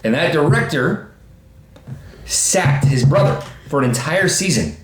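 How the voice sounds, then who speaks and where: Co-hosting a casual podcast, a youth baseball coach in his 30s speaks in a slightly high voice at a measured pace, with faint music behind him. He is animated and emphatic, acting out quotes and quoting himself in asides, and the recording has roomy echo and faint background noise.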